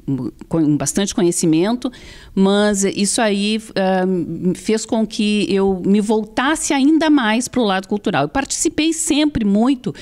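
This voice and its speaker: Middle-aged gaúcho woman, medium pitch. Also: darkish tone. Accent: southern Brazilian gaúcho. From southern Brazil. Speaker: interview guest, journalist. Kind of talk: conversational interview talk. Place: small indoor TV studio. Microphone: handheld microphone.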